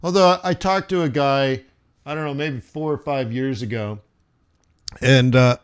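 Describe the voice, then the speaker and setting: A man's voice: mid-range voice, a little slow, smooth. Rambling, chummy male livestream host. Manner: rambling, loose and chummy, many restarts. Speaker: forex trader hosting a live stream. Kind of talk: casual livestream chat answering viewers.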